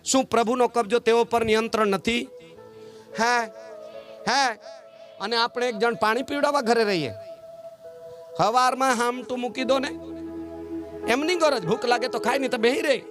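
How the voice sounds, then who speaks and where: A man's voice: very high voice, normal speed, pauses often, faint music behind. A man preaching a sermon as pastor with a Gujarati accent, calling out to the congregation and slipping into a sung delivery. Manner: animated call-and-response preaching, sometimes sung.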